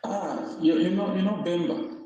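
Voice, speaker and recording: A man's voice: high voice, moderate pace, dark tone, heavy reverb, poor audio. A man from Zambia calling in to a debate show, hesitant with stumbling restarts but turning heated and accusing. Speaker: caller. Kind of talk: argumentative phone-in debate.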